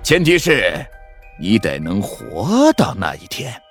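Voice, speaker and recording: Guy doing a sly gloating werewolf villain, slow and taunting, pitch jumps all over, audiobook. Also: huge pitch swings, a bit bright, soft background music, exaggerated voice. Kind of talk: audiobook character voice.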